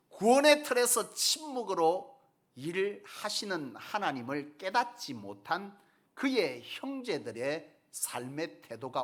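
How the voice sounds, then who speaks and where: A man's voice: a little high, fairly bright tone, slightly rough. A male pastor preaching a sermon, telling a parable and posing rhetorical questions to the congregation. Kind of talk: sermon storytelling.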